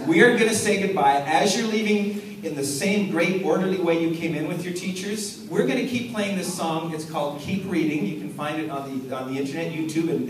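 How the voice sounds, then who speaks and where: A man, an author, giving a lively talk to schoolchildren at an assembly. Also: high-pitched. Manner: animated storyteller, acts out voices and hums riffs. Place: school hall with audience. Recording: echoey hall from far off, noisy.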